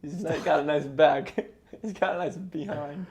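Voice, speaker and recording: A man's voice: on the high side, steady tone, moderate pace, darkish tone, a little hiss or hum. A man in his twenties co-hosting a podcast, joking and teasing his friend in slangy casual chat. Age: 20s. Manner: jokey, teasing, uses slang. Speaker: podcast co-host. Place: indoor room, filmed by a cameraman.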